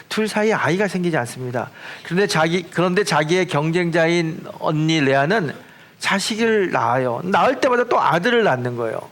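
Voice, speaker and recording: A man preaching from the pulpit, his voice sitting a bit higher than most men's. He tells the story like a storyteller, acting out the quoted lines with rising and falling emphasis. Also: fairly bright tone. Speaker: senior pastor. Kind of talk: sermon. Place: church sanctuary.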